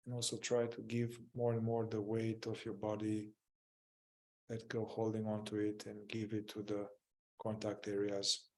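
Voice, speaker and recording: In an unhurried, gentle way, a male teacher guides a mindfulness meditation, his voice on the low side and monotone. Short phrases are separated by long silences.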